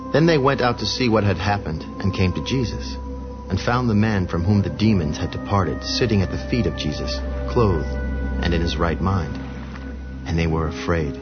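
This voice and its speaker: Guy narrating scripture, steady and even, dull lo-fi recording. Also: low voice. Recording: dull lo-fi audio with music behind.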